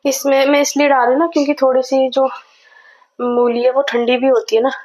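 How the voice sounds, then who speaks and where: A high-voiced woman with a Jammu accent chats casually to the camera in her home kitchen for a cooking vlog. She speaks in a level tone, tries to keep her voice slow and soft, mixes English words into her Hindi, and drops in devotional asides. The recording quality is low.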